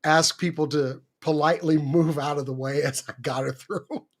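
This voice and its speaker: A man co-hosting a casual livestream, telling stories with an animated delivery. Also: fairly high pitch, moderate pace. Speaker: co-host.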